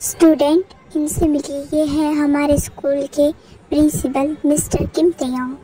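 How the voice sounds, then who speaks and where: A woman voicing a teacher who makes a formal, loud announcement to a class. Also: high-pitched, little pitch movement, measured pace, slight background noise, rough recording. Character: formal teacher introducing the principal.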